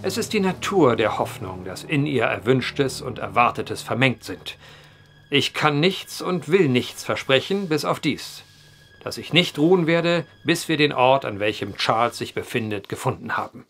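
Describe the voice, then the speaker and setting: Here a man plays a methodical, earnest investigator of vanishings in a period horror radio play, a polite storyteller. He speaks formally and courteously in measured, old-fashioned phrasing, his mid-range voice deliberate but with lively intonation over faint music.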